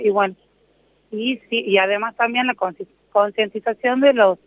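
Woman inspector, smooth high voice, stumbles a bit, muffled dry audio. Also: no room sound. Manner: hesitant, trailing restarts. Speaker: safety inspector. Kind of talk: interview answers. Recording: dull muffled sound.

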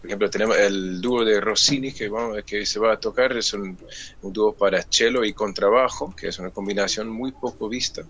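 A man appears as a musician guest on a radio interview. His voice is very low and husky, and he explains things in an unhurried, thoughtful way. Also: a bit bright.

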